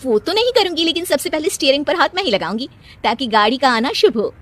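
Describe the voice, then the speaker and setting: A woman's voice: sits high, animated, quick pace, pitched above the performer's own voice. A woman voicing a boastful, bossy young housewife in a cartoon story, sassy and self-satisfied. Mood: proud, insistent.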